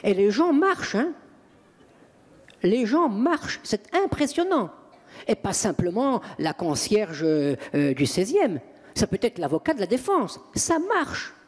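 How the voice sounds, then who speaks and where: Animated husky man, echoing hall. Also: high voice, a little slow. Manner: lively and emphatic, with vivid anecdotes. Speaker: exorcist priest. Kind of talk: interview storytelling.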